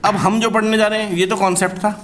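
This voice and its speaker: A man teaching a commerce law class, explaining step by step and slowly repeating key terms, with terms. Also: high-pitched, level tone, fairly bright tone, a little hiss or hum.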